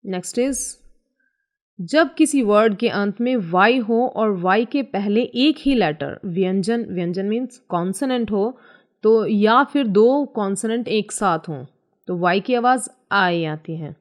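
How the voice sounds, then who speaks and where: A woman gives a spoken English pronunciation lesson. She explains in Hindi, spells out each English word slowly and repeats it several times. She checks in often with her listeners as she goes. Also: mid-range voice, expressive. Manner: frequent "theek hai" check-ins. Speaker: English teacher.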